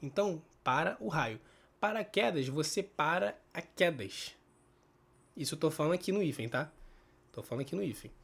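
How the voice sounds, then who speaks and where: A Brazilian man teaching a casual Portuguese spelling lesson, explaining step by step, thinking aloud and often checking in with quick tag questions. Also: a little high, animated, gravelly, a bit bright, breathy edge. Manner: thinks aloud with restarts and self-corrections. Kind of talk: casual spoken grammar lesson.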